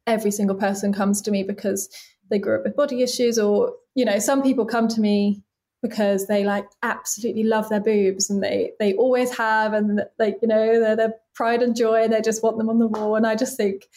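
A woman's voice: mid-range voice, level tone, a little fast, warm tone. A woman in her late twenties, a body casting artist, talking openly and earnestly in a casual interview, with many "like" fillers. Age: late 20s.

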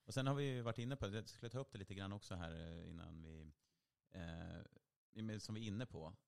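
A man's voice: deep voice, vocal fry, darkish tone. A man co-hosting a casual chat, speaking hesitantly and often restarting his sentences.

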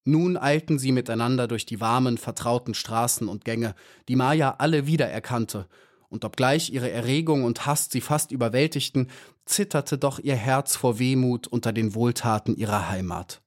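A man narrates a children's story in a calm, measured way, with a mid-pitched, even reading voice. His delivery is steady and clear, like a practiced audiobook reader.

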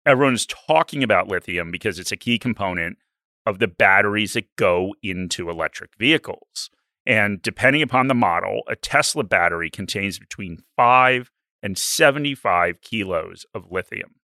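A raspy-voiced man co-hosts a casual investing podcast. His voice sits low yet carries a bright, forceful edge, heard close and dry. He mixes deadpan jokes with steady walkthroughs of numbers. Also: moderate pace, no room sound. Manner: dry, joking, then explanatory with figures. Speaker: podcast co-host.

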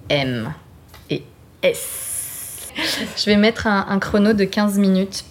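Brief: woman from France, mid pitch, relaxed guiding songwriter, faint background hiss. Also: slow pace. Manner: guiding, self-deprecating, reads lyrics aloud. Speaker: songwriter leading a writing session. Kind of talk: casual studio chat. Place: recording studio.

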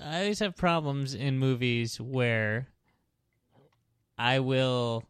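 A man's voice: medium pitch, takes it slowly, clean tone, no room sound, clean studio sound. A man co-hosting a podcast, chatting casually in an earnest, mock-naive way that is easily alarmed. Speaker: podcast co-host. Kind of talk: casual comedic chat.

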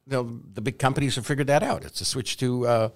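Wry, animated man telling stories. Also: medium pitch, fast, vocal fry. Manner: animated storyteller, wry and joking. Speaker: guest, journalist and broadcaster. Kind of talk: conversational interview.

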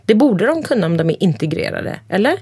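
A woman in her forties, an interview guest speaking bluntly and emphatically, swearing freely and listing things off in quick runs. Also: medium pitch, very animated, a little mellow, husky, no room sound. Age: 40s. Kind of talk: candid conversation.

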